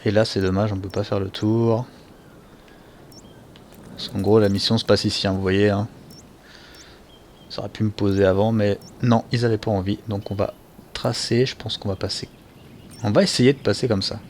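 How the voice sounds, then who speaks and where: A man's voice: fairly low pitch, steady tone, moderate pace, pauses often, a little mellow, slight background noise. A man hosting a let's play, giving chatty, self-mocking gameplay commentary.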